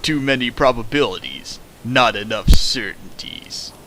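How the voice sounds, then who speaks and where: A man with a creaky, mid-range voice reads fan fiction aloud on a stream at a measured pace with lively intonation, breaking into sarcastic asides and sudden sing-song bits. It's a comedic dramatic reading full of riffing, with background noise behind him.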